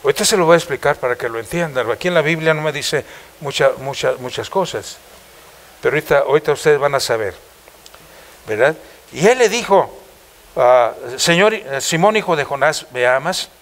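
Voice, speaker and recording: A man's voice: on the high side, expressive, brisk, pauses often. A man with a Mexican accent preaching a passionate church sermon, firing rhetorical questions at the congregation. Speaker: pastor.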